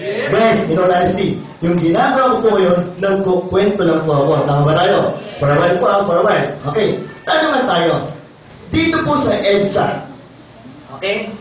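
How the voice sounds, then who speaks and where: A hoarse middle-aged man with a Filipino accent, giving a lively, playful seminar talk and often asking the audience questions. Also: sits high, normal speed. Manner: energetic, playful, often asks the crowd questions. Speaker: company doctor giving a sales seminar. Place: large seminar hall. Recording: very echoey hall, distant, faint room noise.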